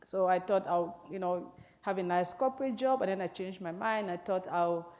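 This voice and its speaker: A woman in her early forties from Cameroon, an author speaking thoughtfully on stage, often pausing with "you know". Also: lowish voice, darkish tone. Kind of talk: onstage conversation. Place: public library event hall.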